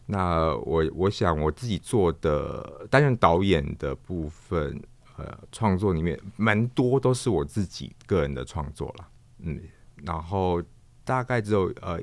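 A male interview guest with a Taiwanese accent, a theatre performer, puppeteer and director, speaks in a very low register. He is halting and thoughtful, searching for words and often repeating himself, and the recording is close and dry.

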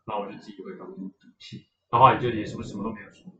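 A man's voice: fairly low pitch, steady tone, very fast, sharp tone, echoey room, muffled recording. A young man, a guest on a casual podcast, telling a personal story in a rambling way, full of restarts. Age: young adult.

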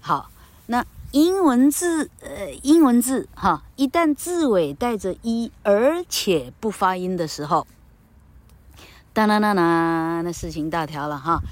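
A woman's voice: mid-range voice, expressive, unhurried. A woman giving a casual English grammar lesson, chatty and full of tag particles. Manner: chatty, frequent "ha" tag particles, calls herself 老客.

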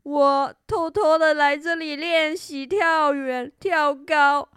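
A woman's voice: sits high, fairly even intonation, slow pace, a bit bright, dry recording, clean studio sound. A woman voicing a sad, anxious young male kangaroo in a storybook, speaking in a whiny, tearful, pleading way.

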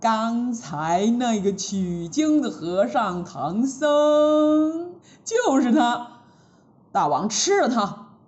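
A woman voicing a smug male demon disguised as an old Taoist priest, speaking slowly and gloatingly. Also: on the high side, big pitch swings, a little mellow, highs cut off, exaggerated voice. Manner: slow, drawn-out and gloating.

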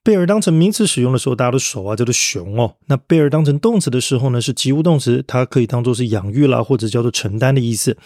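A man teaching vocabulary on his podcast in a cheerful, encouraging tone, pausing to spell each word out letter by letter. His voice sits at a middling pitch. It is recorded close and dry, with no room sound. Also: expressive, no room sound. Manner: friendly, upbeat, spells words letter by letter, ends phrases with soft particles.

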